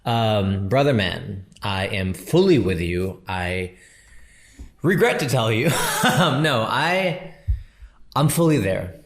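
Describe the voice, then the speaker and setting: A man's voice: on the low side, lively intonation, slow pace. A man in his thirties hosting a podcast, talking casually and answering a listener in a chatty, slangy way. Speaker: podcast host and comedian.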